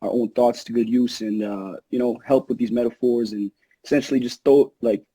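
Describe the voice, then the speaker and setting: A man, Egyptian-born and now a rapper, chatting casually as the new host with a laid-back, relaxed delivery. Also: mid-range voice, a little fast, husky, dry recording, low-quality recording. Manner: laid-back, relaxed, lots of "you know". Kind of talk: casual podcast chat.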